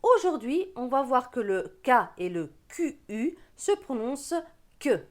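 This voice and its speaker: A woman teaching young children to read, sounding out syllables slowly and deliberately, with gentle encouragement. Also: high voice, very animated. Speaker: reading teacher. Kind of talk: slow reading lesson for young children.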